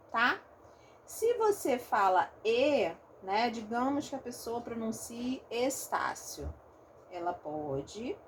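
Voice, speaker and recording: A phonetics teacher from Rio de Janeiro, judging by her accent, talks through a recorded online lesson step by step and keeps checking in with her students. Her voice sits on the high side, with slight background noise.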